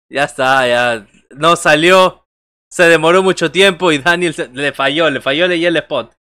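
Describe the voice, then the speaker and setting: A man's voice: a little high, normal speed, bright, forceful tone, clean tone, dry recording, studio quality. A man in his thirties doing casual wrestling commentary on a livestream, joking and conversational as he talks with viewers. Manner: joking, conversational, reacting to chat and calling moves. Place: small bedroom, indoors.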